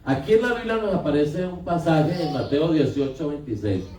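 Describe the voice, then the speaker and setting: A pastor with an animated, dark voice on the high side preaches a sermon in a church hall, speaking at a moderate pace. His preaching is conversational, and he asks the congregation questions. The echoey hall is picked up from a distance.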